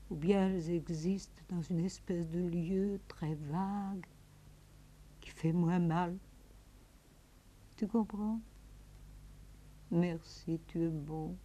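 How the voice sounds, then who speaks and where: A despairing woman clinging to a phone call with her lover, in the style of a 1950s radio play. She speaks slowly and tremulously, drifting from hushed murmurs to frantic pleading. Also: on the low side. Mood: tender. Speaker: actress. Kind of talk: 1950s radio drama acting.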